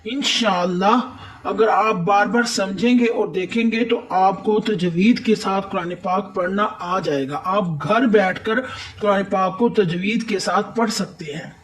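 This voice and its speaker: A woman teaching Quran recitation step by step, patiently repeating each rule in plain words. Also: medium pitch.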